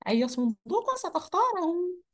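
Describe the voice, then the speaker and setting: A woman voicing a cheerful, energetic male rabbit who tells a story to children in an online lesson. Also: extremely high pitch, moderate pace, voice pushed up. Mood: playful. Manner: lively, upbeat, speaks to children.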